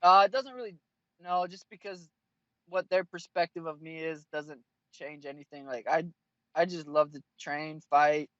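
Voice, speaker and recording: A man's voice: a little high, normal speed, fairly bright tone, no echo, dull audio. A man in his twenties, a fighter being interviewed, answering bluntly and with plenty of swearing. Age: 20s. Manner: blunt and profane.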